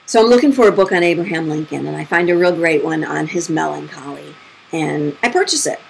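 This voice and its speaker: A woman's voice: expressive, fairly quick, vocal fry, a little hiss or hum, low-quality recording. A middle-aged woman, a spirit medium, telling her own stories in a chatty, casual way and acting out the quotes. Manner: chatty, acts out quotes with big pitch jumps. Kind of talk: casual storytelling monologue.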